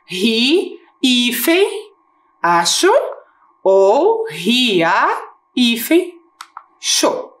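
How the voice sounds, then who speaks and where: A woman teacher with a Brazilian Portuguese accent giving a recorded lesson for schoolchildren, asking questions and slowing down to spell out syllables. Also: medium pitch. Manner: patient, rising question-and-answer tone, slows to spell out syllables.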